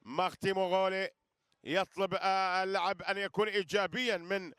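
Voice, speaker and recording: A man's voice: high voice, steady tone, a little fast, a bit bright, smooth, no room sound, clean studio sound. A man giving live wrestling commentary, repeating phrases and addressing listeners with flourishes. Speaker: sports commentator.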